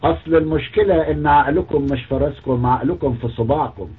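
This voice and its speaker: A man's voice: fairly high pitch, fast, breathy edge. A man with an Egyptian Arabic accent giving a mocking, scornful polemical monologue, lecturing as a religious critic. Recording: tinny phone-like audio.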